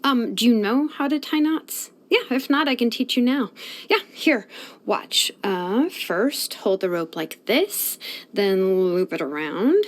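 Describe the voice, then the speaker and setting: Slow and on the high side, a female voice actor plays a drowsy, easygoing young blacksmith in a video game, her speech drawling and casual.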